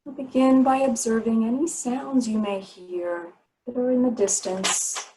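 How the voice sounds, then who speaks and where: Guiding a yoga nidra meditation, a woman speaks in a voice on the high side, with a steady, dark tone. Her instructions are soothing and unhurried, with pauses between phrases, though the audio is poor.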